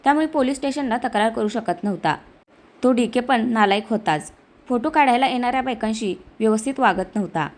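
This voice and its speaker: A woman's voice: fairly high pitch, a little fast. Woman narrating a rustic story. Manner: voices the characters' village dialogue with her narration.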